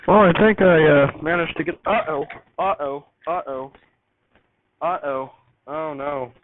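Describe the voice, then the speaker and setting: This man has a fairly high voice and keeps a measured pace as he casually improvises while troubleshooting gear. An amateur vlogger in his home radio studio, he mutters to himself and repeats what he says. The sound is tinny like a phone, with hiss underneath.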